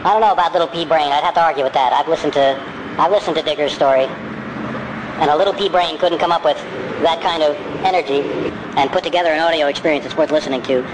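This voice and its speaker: A man's voice: on the high side, fast. Guy hosting a podcast w a sped up chipmunk voice, rambly, keeps fixing his words, noisy traffic behind. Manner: rambling, self-correcting. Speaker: podcast host. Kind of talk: casual podcast monologue.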